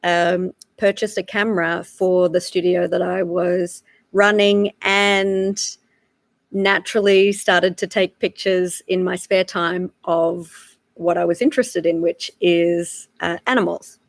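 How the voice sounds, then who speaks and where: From her home in South Africa, an Australian-accented woman in her thirties runs a relaxed, chatty live-streamed lesson full of "uh" and "um." Her voice is fairly low with vocal fry, and she speaks slowly. There's no echo.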